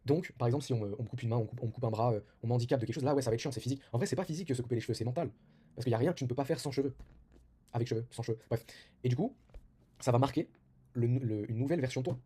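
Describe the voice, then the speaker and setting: A man's voice: mid-range voice, racing, mellow, husky. A young man giving casual self-improvement advice, talking informally with many fillers and restarts.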